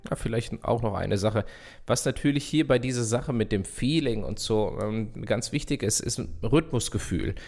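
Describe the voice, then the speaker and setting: A man's voice: fairly low pitch, normal speed. A man giving a casual online piano lesson, talking straight to the viewer and singing rhythms as syllables while he plays. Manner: relaxed, talks directly to viewer, sings rhythms as syllables. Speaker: piano teacher. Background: piano playing.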